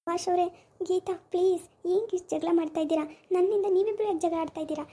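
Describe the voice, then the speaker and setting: A woman playing a gentle, wronged woman in an amateur village drama, who pleads and asks why she is being attacked. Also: very high voice, steady tone, fast talker. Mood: pleading. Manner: pleading, hurt, questioning.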